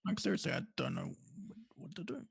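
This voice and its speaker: Gravelly swearing man on a stream. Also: deep voice, a little fast, no room sound, studio quality. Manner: gruff, swearing, deadpan. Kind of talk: casual chat on a livestream.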